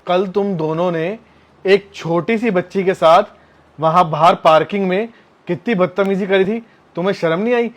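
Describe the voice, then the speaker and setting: A man's voice: sits high, moderate pace, lightly acted. A man playing a stern, lecturing tutor. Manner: scolding, lecturing. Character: stern, moralizing male tutor. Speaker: tuition teacher. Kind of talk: short social-drama skit acting.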